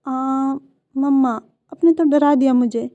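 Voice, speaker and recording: A woman's voice: sits high, fairly even intonation, measured pace, dark tone, dry recording, dull audio. A woman voicing a sleepy, timid young man who talks in a whiny, drowsy way.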